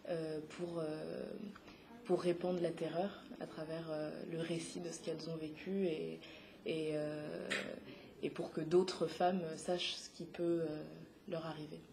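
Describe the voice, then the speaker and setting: A woman in her twenties, a playwright and activist, answering interview questions haltingly with frequent filler sounds and restarts. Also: low voice, little pitch movement, vocal fry, noisy background. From Congo (DRC), raised in France. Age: 20s. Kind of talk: hesitant spoken interview answers.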